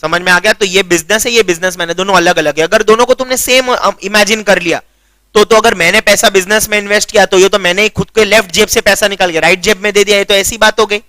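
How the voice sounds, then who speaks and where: A young man from Gujarat, India, speaks Hindi with a Gujarati accent in a high, fast, sharp voice with fairly even intonation and no room sound. He's a commerce tutor giving a chatty classroom lecture, mixing in English terms and often checking that students understand.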